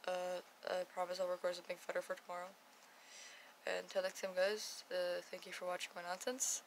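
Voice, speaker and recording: A young woman talks in a gravelly, groggy morning voice, fairly low and flat. She rambles and halts as she vlogs quietly from her home, with a faint hum of room sound behind her. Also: low-quality recording. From Canada. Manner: keeping quiet, rambling and halting. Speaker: vlogger. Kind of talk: casual morning vlog. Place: home, indoors.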